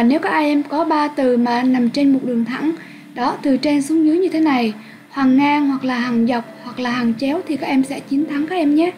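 A woman's voice: sits high, slight background noise, rough recording. A young woman teaching an English lesson in two languages, patiently explaining to pupils and checking they follow. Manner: patient, addresses pupils warmly and checks understanding.

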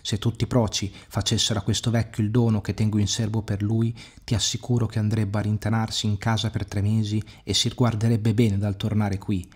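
A man shouting as a cruel arrogant suitor. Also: fairly low pitch, little pitch movement, fairly quick, few pauses, husky. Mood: furious. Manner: shouting, threatening.

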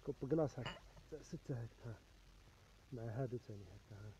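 A man's voice: medium pitch, fast talker, warm tone, poor audio. A man with an Algerian Arabic accent showing off coffee sets and cups in his shop, repeating each item and its price in a casual, chatty way. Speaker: shop seller. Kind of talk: casual product showcase.

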